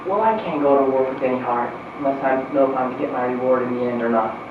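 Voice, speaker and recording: A man playing a gentle, lovestruck young suitor in a period drama, polite, hesitant and pleading. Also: mid-range voice, fast, natural voice. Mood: tender, pleading. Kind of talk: stage-style period drama acting. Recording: echoey distant muffled recording, clear noise.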